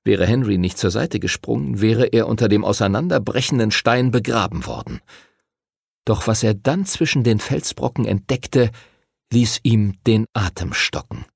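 Gravelly, expressive German-free audiobook narrator man. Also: lowish voice, moderate pace, no echo, studio quality. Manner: expressive, storytelling.

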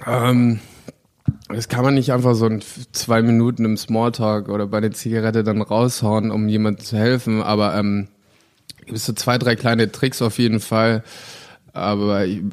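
A man in his twenties, an actor, talking casually in an interview, rambling with many fillers and restarts. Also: fairly low pitch. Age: 20s.

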